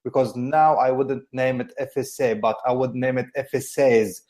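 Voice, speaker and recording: A Syrian man speaks English, his second language, with a Kurdish first tongue behind it. His voice is dark and mellow. He talks haltingly, full of fillers and restarts, as an interview guest. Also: medium pitch, steady tone. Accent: Syrian Arabic. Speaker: guest journalist. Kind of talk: interview answers.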